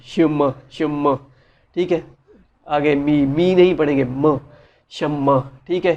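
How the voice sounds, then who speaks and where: A man's voice: on the high side, darkish tone, muffled recording. A man giving a casual spoken lesson, patiently explaining and repeating each word many times, with many fillers. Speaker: language teacher. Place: side room with noise around.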